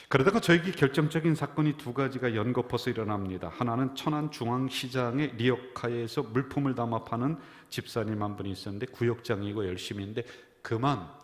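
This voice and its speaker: A middle-aged man preaching a sermon as pastor, telling stories and swinging from near-whispers to loud emphasis. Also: medium pitch. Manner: storytelling, dropping to a whisper and rising for emphasis. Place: church sanctuary. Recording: church hall reverb.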